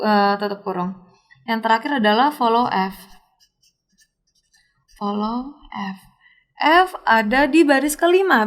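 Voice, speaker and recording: A young woman with a high voice walks through a worked example in a recorded lesson. She talks in a casual, step-by-step way, often correcting herself mid-sentence. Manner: step-by-step explaining, casual fillers and self-corrections. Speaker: lecturer.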